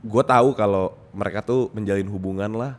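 A man's voice: on the low side, a little fast. A young man with Jakarta slang telling gossip in a casual podcast chat, acting out quoted lines and laughing often. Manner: animated storyteller, acts out quotes, laughs often. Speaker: podcast co-host.

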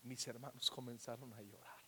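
A man with a Mexican Spanish accent preaching a sermon as pastor, telling a personal story and often dropping to a soft, hushed voice. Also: mid-range voice, fairly even intonation, fairly quick, slight background noise. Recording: long hall reverb.

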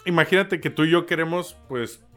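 A man's voice: on the high side, fairly quick, a bit bright, faint music behind. A Mexican man co-hosting a casual podcast about business, joking and rambling with lots of filler words. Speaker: podcast co-host.

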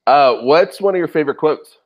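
A man's voice: on the high side, lively intonation, fairly quick, muffled recording. A man hosting a podcast interview, speaking in a friendly, enthusiastic way over a video call. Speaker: podcast host.

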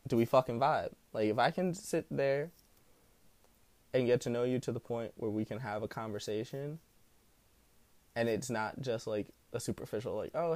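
A man with a smooth voice hosting a solo podcast in casual, rambling talk full of slang and swearing. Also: mid-range voice, darkish tone, dry recording. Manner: profane, slangy. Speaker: podcast host.

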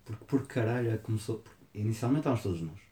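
Young Portuguese-accented man from Europe, animated and sweary in casual debate; rapid delivery, roomy sound. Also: fairly low pitch. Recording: echoey room.

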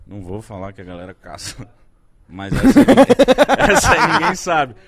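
A man in his thirties chatting casually, telling a story in an animated way, swearing often and acting out what people said. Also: a little high, normal speed. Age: 30s. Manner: animated storyteller, swears a lot, acts out quoted lines. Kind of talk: casual chat.

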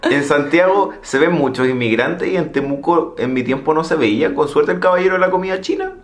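A man from southern Chile with a southern Chilean accent, joining a casual podcast chat and laughing in high bursts. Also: lively intonation, fairly quick, echoey room. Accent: southern Chilean Spanish.

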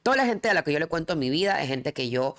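A woman's voice: sits low, fast. A woman hosting a casual chat, telling her own experiences openly and with lots of restarts. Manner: open, animated storytelling with frequent restarts.

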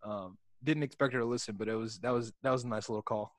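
A man's voice: mid-range voice, fairly even intonation, fast, no room sound. Young male co-host, Chicago accent, easygoing and profane, dry close recording. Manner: loose, swears casually, many fillers. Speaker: podcast co-host. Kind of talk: casual chat.

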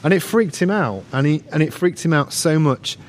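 A man's voice: on the high side, animated, normal speed, a little hiss or hum. A man, a guest on an interview show, telling long stories with many restarts and easy laughs. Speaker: guest, researcher. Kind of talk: casual interview chat.

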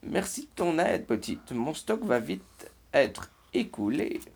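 A man's voice: fairly high pitch, very animated, slow pace, creaky, darkish tone, slightly rough, voice pushed up, full character voice. A man voicing a cheerful anteater shopkeeper in a children's storybook, bubbly and exclaiming.

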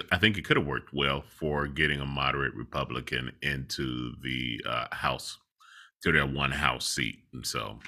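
A man co-hosting a political talk podcast, chatting in a relaxed way and laughing easily. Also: very deep voice. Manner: scripted show intro read. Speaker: podcast co-host. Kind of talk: casual political discussion.

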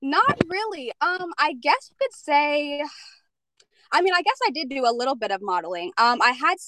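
A young woman in her twenties, originally from Jamaica and raised in Pennsylvania, answers interview questions in an easygoing way. She pauses often on "um" as she talks. The sound is dry and close, with no room around it. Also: sits high, no room sound. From Jamaica, grew up in Pennsylvania. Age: 20s. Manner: relaxed, many "um" fillers, easygoing. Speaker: model, interview guest.

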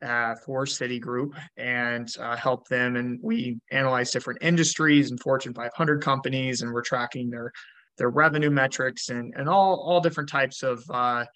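A man's voice: medium pitch, sharp tone, no echo. A man from Georgia talking as a podcast guest, chatty, with many fillers and restarts. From Georgia, US South. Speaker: podcast guest, rental investor. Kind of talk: casual interview talk.

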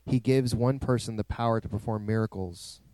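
A man's voice: on the low side, fairly even intonation, moderate pace, dark tone, no room sound. Man preaching a sermon. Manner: preaching with rising, emphatic swells. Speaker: pastor.

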